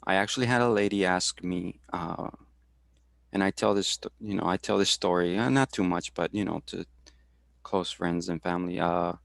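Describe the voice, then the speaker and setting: A man in his forties from Texas, talking through his career in a halting way, with many fillers and restarts, over a video call. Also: deep voice, steady tone, creaky, dry recording, clean studio sound. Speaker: guest speaker. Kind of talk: casual career talk.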